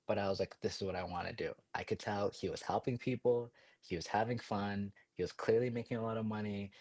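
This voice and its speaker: Deep, flat-voiced young man telling stories. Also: breathy edge, dry recording. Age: 20s. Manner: quick, energetic retelling with many fillers. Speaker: podcast guest. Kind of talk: casual storytelling.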